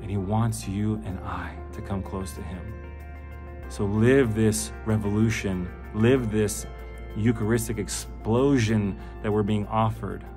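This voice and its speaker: A man's voice: on the low side, steady tone, a little slow, over music. A middle-aged man giving a fervent, emphatic personal testimony that turns into pleading exhortation. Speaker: speaker giving a faith testimony.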